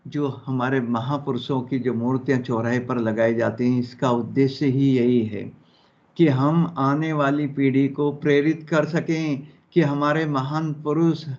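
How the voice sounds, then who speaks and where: A man's voice: mid-range voice, steady tone, unhurried, darkish tone. A male Hindi teacher explaining a story in a lesson, checking in with his students as he goes. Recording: dull lo-fi audio.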